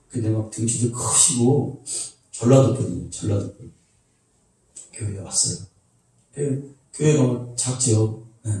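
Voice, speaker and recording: Male pastor, warm lower tone, animated sermon delivery, echoey sanctuary sound. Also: distant mic. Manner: animated storytelling, acts out shouted quotes. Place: church sanctuary.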